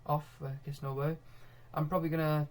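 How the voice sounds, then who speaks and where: A young man commentating live on his own football management game, getting excitable when goals come and laughing at himself. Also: fairly high pitch, a little fast, slight background noise. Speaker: gaming video host.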